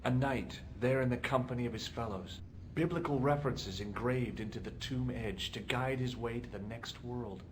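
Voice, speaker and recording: A man's voice: mid-range voice, normal speed, slight background noise, close to an everyday voice. An actor playing a wry adult male amateur sleuth in a video game, speaking in a dry, sardonic way.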